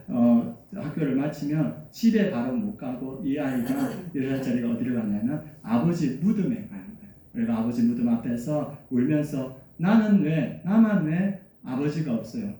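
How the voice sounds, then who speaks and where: A man's voice: medium pitch, mellow. A male pastor preaching a sermon, telling a story with fillers and questions to the congregation. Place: church sanctuary. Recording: echoey church hall, voice from far off.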